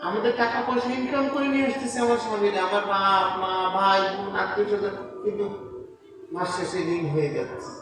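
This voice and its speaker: High-voiced male preacher in an echoey hall. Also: fairly quick. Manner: conversational, addresses listeners directly with rhetorical questions. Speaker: Islamic preacher. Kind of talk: informal Bengali sermon. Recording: echoey, distant mic with loud background noise.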